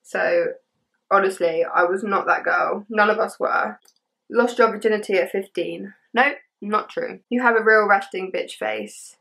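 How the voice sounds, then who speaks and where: A woman's voice: medium pitch, measured pace, vocal fry, fairly bright tone, rough recording. Chatty young English woman, slangy and informal. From England. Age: young adult. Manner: informal British teen slang, chatty, frequent "like". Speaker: social media creator. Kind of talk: casual chat to camera, reading out and answering assumptions.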